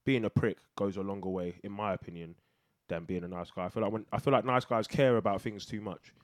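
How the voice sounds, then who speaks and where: A man's voice: lowish voice, fast talker, dry recording. A young man with a London street accent, debating bluntly and casually in heavy slang. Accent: London, urban street. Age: young adult.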